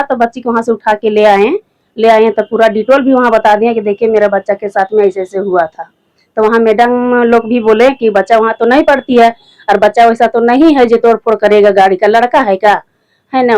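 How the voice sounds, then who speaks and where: A middle-aged woman with a rural Jharkhand accent and a somewhat high voice speaks in plain, repetitive village speech. She recounts events to a reporter and often slips into quoting what others said. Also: darkish tone, clean tone, rough recording. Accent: Jharkhand rural Hindi. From Jharkhand, India. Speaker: interviewee, mother, former village head. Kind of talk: spoken account to a reporter.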